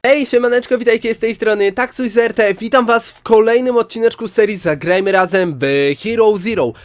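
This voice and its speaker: A man's voice: high voice, a little fast, no room sound, faint music behind. A man with a congested, nasal voice from a head cold, chatting casually to viewers as he hosts gaming commentary. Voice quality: nasal, stuffed-up voice. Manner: chatty, addresses viewers directly. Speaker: gaming video host. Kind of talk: casual let's-play commentary.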